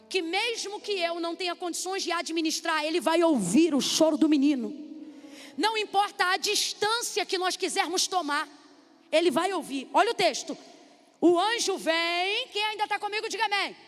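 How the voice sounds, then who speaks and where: Brazilian female preacher, very high pitch, lively sermon delivery in a reverberant church. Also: moderate pace. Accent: Brazilian Portuguese. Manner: animated, calls out to the congregation. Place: church hall. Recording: echoey hall with faint music.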